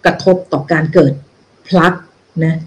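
A woman's voice: unhurried, darkish tone, rough recording. A woman giving a lecture on a research paper, explaining it step by step in a loose, self-correcting way. She mixes English medical terms into her talk and keeps checking that listeners are following. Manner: explanatory, with frequent check-in questions. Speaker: health educator.

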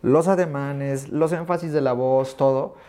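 A man's voice: mid-range voice, measured pace, slight background noise. A middle-aged man with a Mexican accent, a guest in an interview, telling childhood stories and acting out remembered dialogue. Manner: animated, acts out remembered dialogue. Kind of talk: storytelling in an interview.

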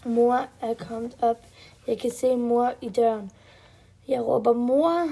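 Mellow, higher-voiced woman telling a story. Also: flat delivery, gravelly, slightly rough. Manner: simple short sentences, step-by-step telling. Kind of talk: first-person children's story reading.

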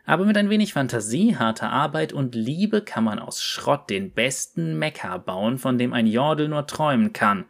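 Guy doing a cranky old yordle mechanic voice, gruff and bossy, gravelly. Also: medium pitch, expressive, moderate pace, hardly any pauses. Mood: scolding. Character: grumpy old yordle mech pilot, small and brash.

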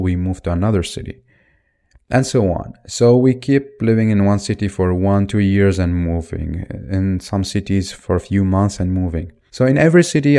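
Talking off the cuff on his own podcast, this Iraqi host in his twenties restarts sentences and fills pauses as he thinks out loud. He has a fairly low pitch and a dark tone.

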